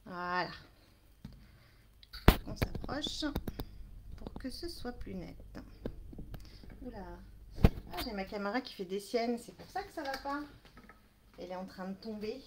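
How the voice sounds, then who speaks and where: A woman's voice: medium pitch, animated, measured pace, pauses often, heavy background noise. A woman hosting a live crafting demonstration, chatting with viewers and apologizing for camera trouble as she works. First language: French. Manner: chatty, apologetic, greets viewers while working. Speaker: crafting live-stream host.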